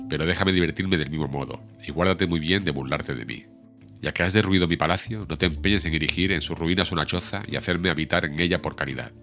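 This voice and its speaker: A man's voice: extremely low pitch, bright, forceful tone, heavily acted. A man reading the lines of a brooding, vengeful young man in an audiobook, bitter and menacing.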